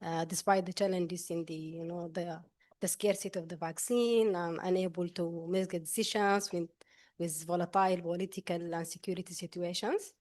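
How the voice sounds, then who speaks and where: Sudanese lady introducing herself to a group, kinda low voice, halting with pauses. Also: steady tone, darkish tone. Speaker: course participant, malaria researcher. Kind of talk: spoken self-introduction to a group.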